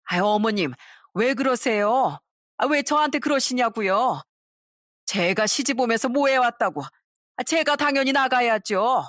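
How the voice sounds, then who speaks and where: A woman's voice: a little high, expressive, measured pace, fairly bright tone, no room sound, studio quality. A woman voicing a greedy, melodramatic middle-aged mother-in-law who whines and wails theatrically. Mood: indignant. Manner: whining, wailing, theatrical.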